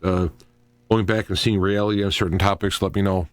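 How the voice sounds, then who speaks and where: In a low voice with little pitch movement, a middle-aged man hosts a casual solo talk radio show, thinking aloud in a halting, rambling way. The recording is dry.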